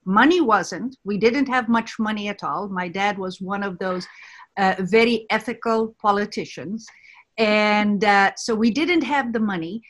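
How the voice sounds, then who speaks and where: A woman's voice: medium pitch, measured pace. A woman in her sixties from Egypt, a podcast guest recounting her life in a conversational, storytelling way. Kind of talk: podcast interview, personal story.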